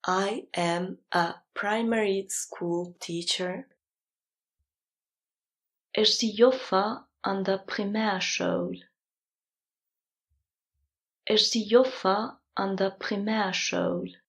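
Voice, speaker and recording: A woman reading phrases aloud for sleep learning, slow and calm, saying each one twice. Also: medium pitch, low-quality recording. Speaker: language teacher reading phrases.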